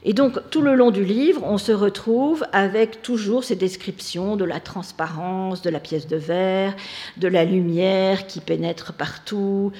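A woman's voice: mid-range voice, measured pace, dark tone. A woman giving an academic talk, hesitant, with many fillers and restarts. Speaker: lecturer. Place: lecture hall.

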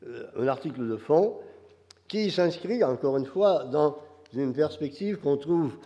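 Hoarse, nasal older Quebec man in an echoing hall. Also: on the high side, lively intonation, a little slow, mellow. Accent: Quebec French. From Quebec, Canada. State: hoarse with a head cold. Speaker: visiting academic lecturer. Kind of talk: academic conference lecture. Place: large reverberant lecture hall. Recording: muffled, very reverberant lecture hall.

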